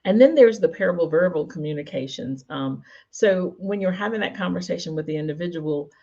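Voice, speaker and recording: A woman's voice: on the low side, brisk, dark tone, highs cut off. A woman hosting her own show as a communication coach, giving conversational advice with frequent fillers and restarts. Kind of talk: spoken advice talk to the viewer.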